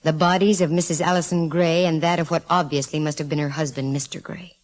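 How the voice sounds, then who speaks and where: In a 1940s radio drama, a woman plays a gutsy, wisecracking private detective, narrating in first person with a breezy, sardonic, hard-boiled manner and a wry storytelling mood. Her natural voice sits low, moves little in pitch, and goes fairly quickly.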